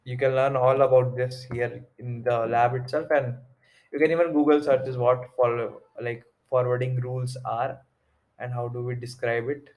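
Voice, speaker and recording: A young man with a North Indian accent giving an informal tech tutorial, haltingly thinking aloud as he works through the steps. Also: mid-range voice, little pitch movement, darkish tone, rough recording. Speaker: tutorial presenter. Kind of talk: informal screen-recorded tech walkthrough.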